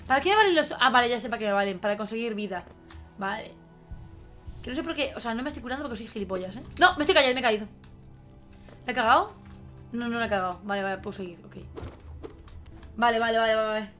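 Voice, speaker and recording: A young woman with a Spain Spanish accent giving live gameplay commentary, excitable and exclamatory, swearing often. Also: on the high side, fast, long pauses. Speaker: game streamer. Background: faint game music.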